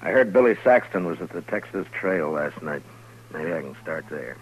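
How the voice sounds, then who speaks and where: An actor playing a stern, middle-aged American frontier marshal in an old radio western, speaking in a measured, dry, firm way. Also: male voice, low voice, animated, husky. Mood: brooding, dry. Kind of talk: 1950s radio western acting. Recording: noisy old radio recording with hum.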